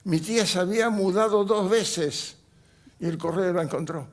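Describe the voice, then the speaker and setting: An older man telling his life story as a guest in a TV studio interview, speaking in halting recollection with restarts and fillers. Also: sits high. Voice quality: gravelly, husky voice. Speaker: interview guest, Holocaust survivor. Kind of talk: personal testimony in a TV interview.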